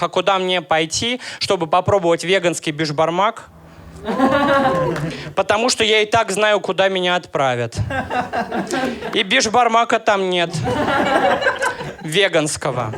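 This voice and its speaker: A man in his thirties from Russia, performing a stand-up comedy set with deadpan, ironic jokes and crowd work. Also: high-pitched, normal speed, pauses often, a little hiss or hum. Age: 30s.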